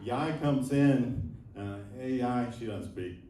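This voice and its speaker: A man in his sixties doing a stand-up set, rambling and self-deprecating with lots of halting fillers. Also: medium pitch, warm tone, a little hiss or hum. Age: 60s. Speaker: stand-up comedian. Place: live comedy venue with audience laughing. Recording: echoey room, mic at a distance, crowd laughter.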